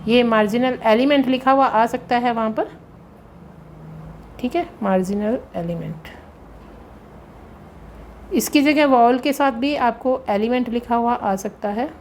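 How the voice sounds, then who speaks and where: A woman's voice: a little high, measured pace, long pauses, darkish tone. A woman teacher works through exam questions at a patient pace, repeating key points and reading out the terms. There is a faint hum under the recording. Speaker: English grammar teacher. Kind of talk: exam-prep lesson explaining questions.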